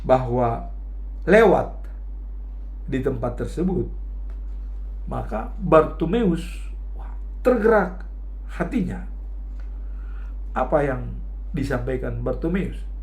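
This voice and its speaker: Slow, animated male preacher. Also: mid-range voice. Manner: slow, emphatic preaching with rising outbursts when quoting. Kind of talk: sermon.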